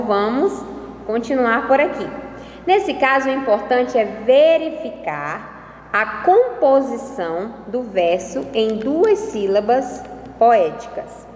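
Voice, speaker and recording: A woman teacher giving a recorded lesson, talking slowly and carefully and spelling out syllables. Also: fairly high pitch, a little mellow, slight background noise. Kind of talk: recorded lesson on poetic meter. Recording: echoey room with long reverb and faint ambience.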